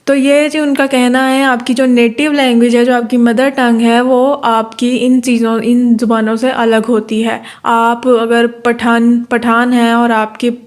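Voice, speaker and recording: A woman from Pakistan giving a university lecture, reading definitions out slowly, then explaining them while repeating herself and checking in with the class. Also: a little high, little pitch movement. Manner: repeats phrases and checks in with listeners ("theek hai").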